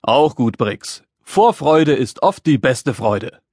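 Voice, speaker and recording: A man doing a calm, gentle dad. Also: medium pitch, slow, husky, no echo, clean studio sound, exaggerated voice. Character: kind, patient father. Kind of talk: children's audiobook character voice.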